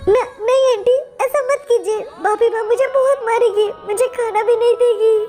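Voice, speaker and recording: A man's voice: very high-pitched, normal speed, a little mellow, faint music behind, pitched above the performer's own voice. A man voicing a timid, hungry young boy who pleads and apologizes to a cruel sister-in-law in a game story video. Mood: begging.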